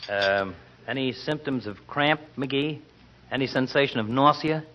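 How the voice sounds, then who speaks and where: An actor playing a sardonic, bombastic middle-aged doctor in 1940s radio comedy, wordy and pompous. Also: male voice, mid-range voice, measured pace, sharp tone, slight background noise. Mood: dryly sarcastic. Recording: muffled old radio broadcast.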